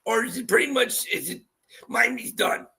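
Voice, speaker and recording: A man calling in to a sports show for a casual chat, with a thin, squeaky, strained voice, congested with a cold. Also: moderate pace, pushed and bright, slightly rough. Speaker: caller to a sports call-in show.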